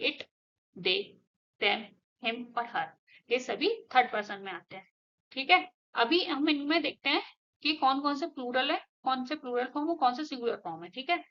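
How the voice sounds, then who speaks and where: A woman's voice: high-pitched, pushed and bright. A woman teaching an English grammar lesson step by step, often checking with her students and asking them questions. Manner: explains step by step, asks students questions, often says "theek hai". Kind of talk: classroom-style grammar lesson mixing Hindi and English. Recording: dull lo-fi audio.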